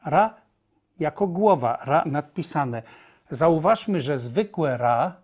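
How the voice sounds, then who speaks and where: Man, language teacher, slow and patient, slightly high voice, repeats points. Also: a little mellow. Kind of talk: slow explanatory lesson.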